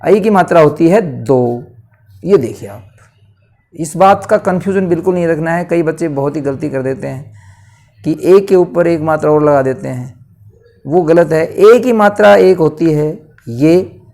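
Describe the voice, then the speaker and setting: A man with a north Indian Hindi accent and a fairly high, darkish voice teaches grammar at a board. He asks questions and answers them himself, stretching words out slowly to show their pronunciation.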